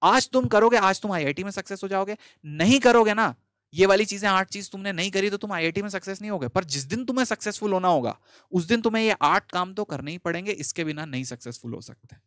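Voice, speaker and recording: A man's voice: high-pitched, expressive, quick pace, a bit bright, dry recording, clean studio sound. A man, an online teacher giving a motivational talk to exam students in a direct, scolding but friendly way, repeating points for emphasis.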